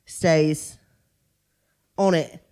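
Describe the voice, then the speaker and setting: A woman's voice: deep voice, extremely slow, smooth. A woman comedian chatting casually on a podcast, rambling and poking fun at herself. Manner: animated, rambling, self-mocking. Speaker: comedian guest.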